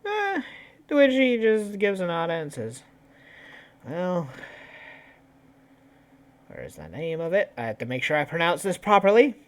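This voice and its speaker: A man's voice: high voice, huge pitch swings, unhurried, long pauses. A man playing a character in a tabletop game, joking around and laughing often. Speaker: player.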